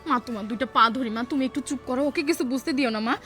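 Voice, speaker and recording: A woman's voice: high voice, very fast, fairly bright tone, faint music behind. A woman playing a young married daughter who pleads with and soothes her angry mother. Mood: pleading.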